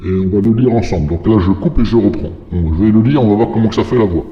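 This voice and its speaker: A man explaining software in a casual, rambling tutorial, his voice run through a demon voice-changer filter. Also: lowish voice, quick pace, pitched below the performer's own voice. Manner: rambling and digressive. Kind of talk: casual screen-recorded tutorial. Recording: echoey, long reverb, dull lo-fi.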